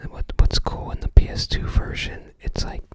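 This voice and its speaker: An ASMR creator whispers unhurried, musing commentary on a game guide, casual in tone. She often sounds tentative as she tries to recall details.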